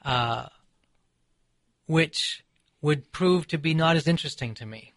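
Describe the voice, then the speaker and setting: A man from Seattle, an author and poet being interviewed, who speaks in a measured, reflective way with frequent pauses and ums. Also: fairly high pitch, a bit bright, no room sound. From Seattle, USA. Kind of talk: thoughtful conversational interview.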